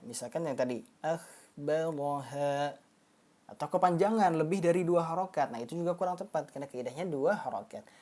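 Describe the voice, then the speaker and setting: Low, mellow-voiced woman teaching recitation. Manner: patient, repeats and drawls example words slowly. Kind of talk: live online tajwid lesson.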